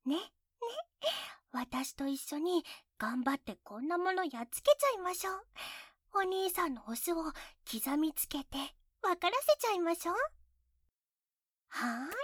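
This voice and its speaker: A woman's voice: sits high, lively intonation, normal speed, no room sound, clean studio sound. A woman playing a sweetly scornful teaser. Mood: teasing. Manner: sweetly polite yet scornful teasing; drops into soft whispers. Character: teasing, mocking adult woman, girlfriend's younger sister. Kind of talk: intimate audio role-play.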